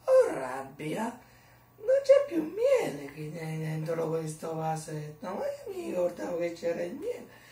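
A man imitating a honey-loving cartoon teddy bear who speaks slowly and plaintively. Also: high voice, huge pitch swings, gravelly, warm tone, voice pushed up, heavily acted. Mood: mournful. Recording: roomy echo, mic far off.

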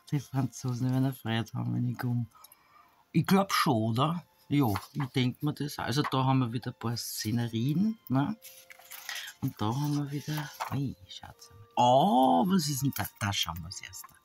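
Speaking half to herself and often in a near-whisper, a woman opens an advent calendar gift and reads the labels aloud in a casual unboxing chat. Her very deep voice is gravelly, expressive and unhurried, carrying a slight hiss or hum. Soft music plays in the background.

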